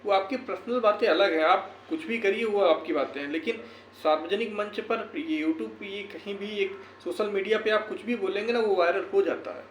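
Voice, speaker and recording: A man with a high voice speaks at normal speed in a motivational talk, earnestly urging his viewers and repeating phrases for emphasis. He is a YouTuber and educator, recorded in an echoey room with faint background noise.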